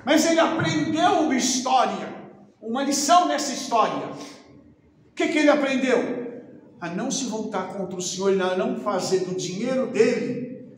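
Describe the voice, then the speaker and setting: A man's voice: very high-pitched, lively intonation, moderate pace. A man preaching a sermon to his congregation, telling a story with acted-out quotes. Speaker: pastor. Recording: echoey hall, faint noise.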